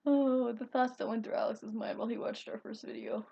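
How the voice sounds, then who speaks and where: A woman's voice: a little high, steady tone, fairly quick, creaky, dark tone, husky, highs cut off. A young woman from Minnesota with a Minnesota accent, chatting casually in a vlog, giggly and rambling. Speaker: vlogger. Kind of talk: casual chat.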